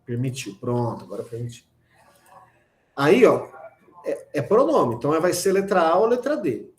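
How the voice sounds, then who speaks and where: A man with a Brazilian Portuguese accent teaching a lively online grammar class, talking straight to his students with teasing asides. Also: a little high, moderate pace, reverberant.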